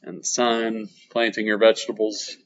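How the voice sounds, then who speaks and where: A man's voice: on the low side, little pitch movement, moderate pace, noisy background. A man in his thirties hosting a podcast, teasing and joking with his guest, loose with fillers. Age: 30s. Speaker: podcast host. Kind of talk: casual podcast chat. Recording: muffled podcast audio.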